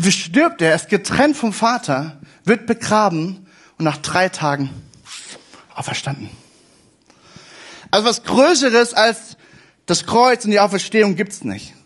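High-voiced emphatic male preacher. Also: breathy edge. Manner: emphatic, repeats phrases for stress. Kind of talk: sermon.

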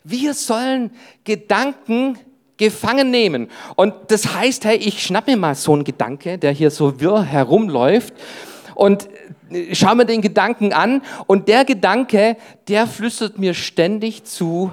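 Male preacher, family man, youth sermon, punchy and direct, peppered with "hey", sinks his voice low for inner thoughts. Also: unhurried. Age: adult with wife and children. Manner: emphatic, often breaks in with "hey". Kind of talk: sermon to young people.

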